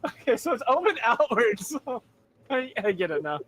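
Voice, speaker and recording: A man playing a tabletop game, chatting casually with quick joking asides. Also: extremely high pitch, very animated, a bit bright, no room sound. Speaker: player.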